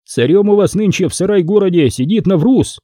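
Calm, sly old churchman, voiced by a male narrator; warm, husky, lively. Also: high-pitched, fairly quick, no echo, clean studio sound, voice pushed up. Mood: calm mocking. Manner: calm, mildly mocking. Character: old grey-browed church leader, calm and shrewd.

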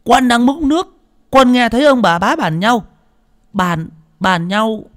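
A man's voice: very high-pitched, measured pace, voice pushed up. A man voicing a frightened twelve-year-old servant boy in an audiobook story, stammering and breathless. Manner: stammering, breathless, repeating words in panic.

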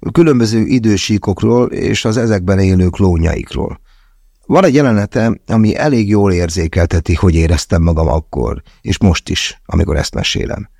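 A man narrating a first-person thriller audiobook in a measured, tense way with slow, deliberate pauses. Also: deep voice, vocal fry, dark tone, husky, no room sound, clean studio sound.

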